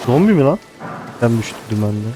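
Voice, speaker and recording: A man giving casual gameplay commentary, excitable and thinking out loud, with casual swearing. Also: mid-range voice, fairly quick, music in the background, low-quality recording. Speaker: gaming host.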